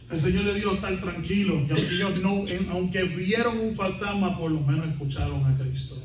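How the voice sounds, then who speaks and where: A man preaching in a lively, joking way, breaking into shouts and laughter, heard from a distance in a church. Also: high-pitched. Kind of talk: bilingual sermon. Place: church sanctuary. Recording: very echoey hall from a distance.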